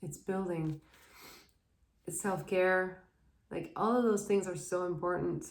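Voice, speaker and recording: A woman giving a casual, meandering tarot reading, soft and dreamy, often laughing. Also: fairly low pitch, measured pace, reverberant. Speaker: tarot reader.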